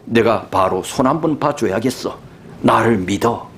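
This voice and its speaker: A man voicing God in a sermon retelling, speaking boldly and emphatically to a discouraged prophet, with a lively, rising voice. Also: fairly low pitch, a little slow, a little hiss or hum, voice pushed down. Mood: reassuring. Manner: bold, emphatic, reassuring.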